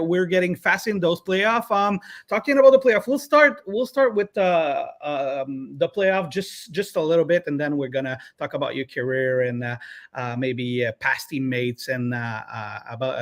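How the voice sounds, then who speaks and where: A man hosting a live online interview, halting with many fillers and restarts. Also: on the high side, a bit bright. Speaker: interviewer host.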